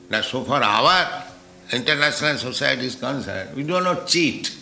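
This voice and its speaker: Male spiritual teacher, slow and deliberate, forceful gravelly voice, roomy echo. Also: on the low side, a little hiss or hum. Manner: deliberate, with rhetorical "huh?" checks. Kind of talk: philosophical lecture.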